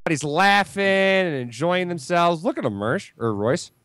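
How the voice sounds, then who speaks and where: A young man in a middle-pitched voice rambles through crude, self-deprecating banter as a radio host. His pitch swings widely as he talks, and he often loses his thread. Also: expressive, normal speed, a bit bright, no echo, clean studio sound. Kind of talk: casual comedic banter.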